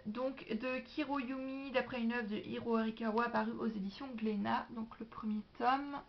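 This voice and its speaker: In this casual book haul vlog, a French-accented young book vlogger talks excitedly about her library books at a normal speed, her voice sitting on the high side. She's chatty and throws in lively asides, while the lo-fi home recording sounds dull and carries a bit of background noise.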